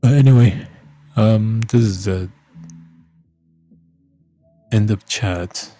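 Low-voiced, slow man. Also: mellow, soft background music. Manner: halting, repeats words and phrases. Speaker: livestream host. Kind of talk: casual rambling chat.

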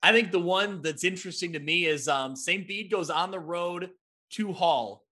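Bright, high-voiced male sports host. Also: normal speed. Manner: upbeat, self-deprecating, recaps game stats. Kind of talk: casual sports talk.

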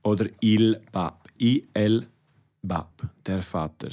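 A man's voice: on the low side, slow pace, darkish tone. A man, patiently explaining grammar in a casual language practice chat. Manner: patient, explains and corrects, laughs often. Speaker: language tutor.

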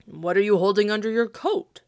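A woman voicing a jolly, commanding old Santa Claus, speaking in an emphatic, brisk, decisive way. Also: mid-range voice, darkish tone, no echo, clean studio sound, close to an everyday voice. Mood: curious, concerned.

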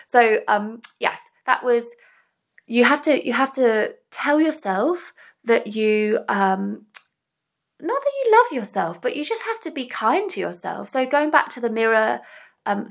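A woman speaking earnestly and gently into a small dictaphone indoors, with many fillers, reflecting personally as a podcast host. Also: medium pitch, vocal fry. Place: indoors in front of a mirror. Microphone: small dictaphone recorder.

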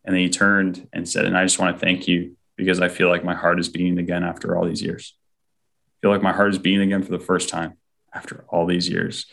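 A man's voice: low-pitched, completely flat delivery, fairly quick, gravelly, a bit bright. A man telling an earnest personal faith story as an interview guest, often acting out what people said. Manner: heartfelt, often acts out quoted speech.

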